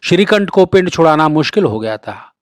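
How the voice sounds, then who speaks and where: A man reading a classic short story aloud as a storyteller, with steady, expressive narration. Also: a little high, brisk, dry recording.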